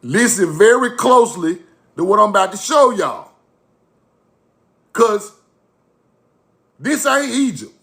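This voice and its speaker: Man, young, high gravelly voice, preachy catchphrase-heavy delivery to his chat. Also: sing-song, slow pace, pauses often, pushed and bright. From Mississippi, USA. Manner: repetitive catchphrases, preachy and emphatic. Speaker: online video host. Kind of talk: casual talk to a live-chat audience.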